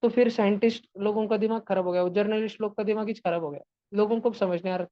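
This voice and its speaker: Female teacher, animated storyteller, even-toned delivery, dull close recording. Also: mid-range voice, fast talker. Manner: animated storyteller, mixes English terms into explanation. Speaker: science teacher. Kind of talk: classroom lecture with playful storytelling.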